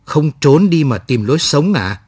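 A man voicing a rough, hot-tempered male guerrilla soldier who talks in a gruff, scolding way, in a dry, close recording. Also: on the high side, sing-song, normal speed, darkish tone, no echo.

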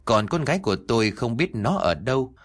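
A man narrating a first-person ghost story in an animated, dramatic way. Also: medium pitch, fairly quick.

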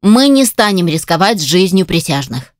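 A woman voicing a tired male judge who wants to end the hearing quickly, speaking curtly. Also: lowish voice, big pitch swings, dry recording, studio quality. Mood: weary. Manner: tired, curt. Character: weary male judge eager to finish.

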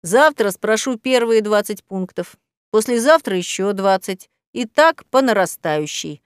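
A woman's voice: medium pitch, expressive, measured pace, clean tone, dry recording, clean studio sound, lightly acted. Woman voicing a pompous professor tomcat. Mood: stern. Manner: self-important, huffy. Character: pompous male cat professor, fussy and touchy. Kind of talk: audiobook character voice.

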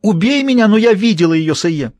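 A man voicing a jealous young maidservant in an audiobook, shrill and pleading. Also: expressive, fast, a little mellow, no echo, close to an everyday voice. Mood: desperate.

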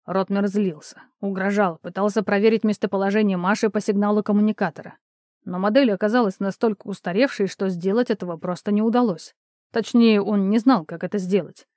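A woman narrating an audiobook in a calm, even storytelling manner. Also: mid-range voice, brisk, no room sound, studio quality.

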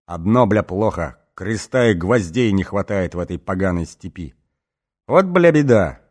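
A man voicing a crude, hotheaded drunken male thug in an audiobook, yelling and cursing. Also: low voice, animated, moderate pace. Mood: crude griping.

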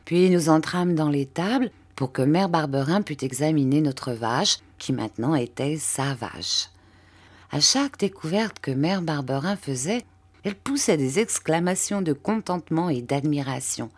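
A woman reads a classic novel aloud in a low, steady voice. She tells the story at an even, measured pace, in the manner of an audiobook. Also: slightly rough. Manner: measured storytelling, lifting her voice for quoted characters. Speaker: audiobook reader.

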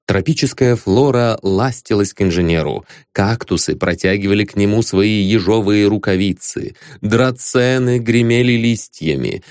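Expressive storyteller, animated and dry, reading satire aloud. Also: male voice, medium pitch, no room sound. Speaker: audiobook narrator. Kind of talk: scripted narration of a satirical novel.

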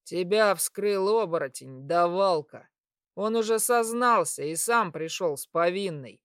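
Crude, menacing male satyr for a read-aloud story, woman performer, slow and dry. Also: lowish voice, lively intonation, no room sound. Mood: taunting menace. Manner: crude, taunting, hissing.

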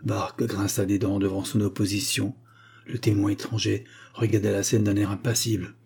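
A man reading an audiobook novel in measured, scripted narration. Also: lowish voice, little pitch movement, gravelly, darkish tone, husky. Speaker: audiobook reader.

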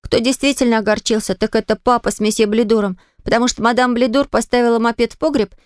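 A woman narrating a children's storybook in an even, steady reading voice. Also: a little high, fast talker, clean tone, no room sound, clean studio sound. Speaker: audiobook reader.

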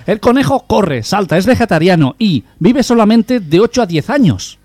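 A man telling jokes on a radio humor show, delivering punchlines deadpan. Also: high-pitched, moderate pace, soft background music. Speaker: radio joke teller.

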